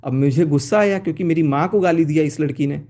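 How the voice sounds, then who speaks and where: A man's voice: a little high, fast, mellow. A man on a phone live stream, explaining at length and reading out chat messages, with restarts. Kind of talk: casual live-stream account, reading out chats.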